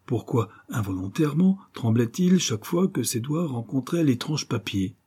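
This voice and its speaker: Man, audiobook narrator, dramatic suspenseful reading, dark mellow tone. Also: mid-range voice, lively intonation, moderate pace, slightly rough. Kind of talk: scripted narration of a novel.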